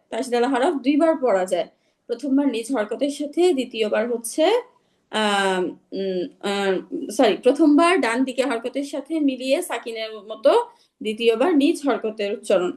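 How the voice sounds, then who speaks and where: A woman's voice: a little high, animated, a little mellow. A young woman teaching Quran recitation rules in an online class, patient and repetitive, checking that her students follow; she is unwell. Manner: patient, repeats rules slowly, checks understanding.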